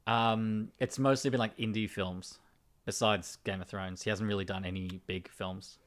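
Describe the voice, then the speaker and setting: Chatty low-voiced man hosting a podcast. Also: fairly even intonation, normal speed, a bit bright. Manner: chatty, looks things up and reads them out, hesitant fillers. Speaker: podcast host. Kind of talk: casual film podcast chat.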